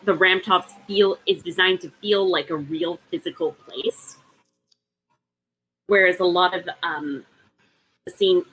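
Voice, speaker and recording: A woman's voice: lowish voice, fairly even intonation, a little slow, pauses often, a bit bright, a little hiss or hum, low-quality recording. A woman on a casual book discussion podcast, making a long, careful argument with frequent ums and restarts. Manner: analytical, argues at length with many ums. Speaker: podcast co-host.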